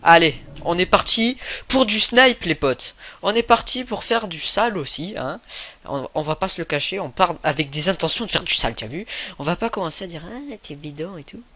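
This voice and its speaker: A man giving casual gameplay commentary, excitable, yelling and swearing at the game between joking asides. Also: sits high, moderate pace. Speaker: gaming YouTuber.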